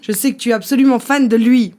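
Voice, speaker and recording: A man's voice: very high voice, fairly even intonation, fast, darkish tone, soft background music. A man hosting a show, interviewing a guest in a casual, teasing way. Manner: teasing, playful. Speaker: show host.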